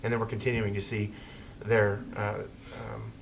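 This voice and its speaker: A man speaking informally and haltingly as a town official at a council meeting, rambling a little. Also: lowish voice, flat delivery. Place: indoor council meeting room. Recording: noisy meeting room microphone.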